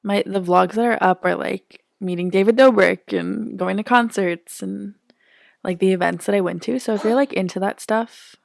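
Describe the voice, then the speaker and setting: Gravelly young woman co-hosting a chatty podcast. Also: medium pitch, normal speed, no room sound, studio quality. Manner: chatty, fillers like "like", laughs often. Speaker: podcast co-host. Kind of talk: casual chat.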